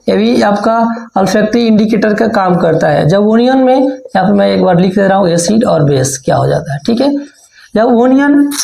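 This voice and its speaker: A man's voice: very high voice, vocal fry, dark tone, echoey room, poor audio. A male science teacher giving an exam-prep lesson, explaining step by step and asking and answering his own questions.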